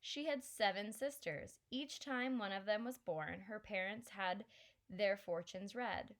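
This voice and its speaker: Reading an audiobook aloud, a woman gives voice to a blunt, wry Filipino grandmother, using a slightly raised, matter-of-fact delivery in a storytelling mood. Her mid-range voice moves a little slowly and is only lightly acted.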